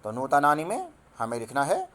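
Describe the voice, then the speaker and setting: A male teacher giving a screen-recorded school lesson, reading lines slowly and deliberately, translating each one and spelling words out piece by piece. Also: a little high, huge pitch swings, fairly bright tone. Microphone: phone screen recorder.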